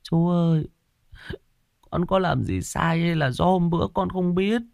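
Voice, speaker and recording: A man's voice: fairly high pitch, a little slow, vocal fry, a little mellow, no echo, clean studio sound, voice pushed up. A man voicing a frightened little child who stammers and pleads with a ghost in a horror story. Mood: pleading, scared.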